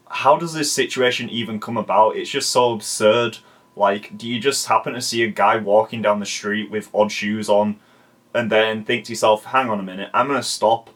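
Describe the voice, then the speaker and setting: Casual commentary host, a man with a lowish voice, relaxed and chatty. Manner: chatty, swears casually, lots of "like". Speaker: video essay host.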